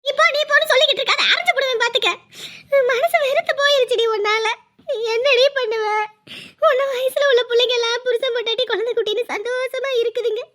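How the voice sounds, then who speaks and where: A grieving older mother from a village family drama, played by an actress, whose scolding keeps breaking into tearful pleading. Her voice sits very high and the words come fast. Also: steady tone, a bit bright. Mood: distraught.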